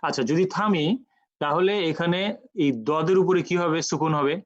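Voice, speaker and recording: A man with a fairly high voice teaches recitation rules over an online call, patient and methodical, drilling each sound slowly. The audio is dull and lo-fi, close and dry with no room sound. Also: steady tone, no echo. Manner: patient, explains step by step and repeats sounds slowly for practice.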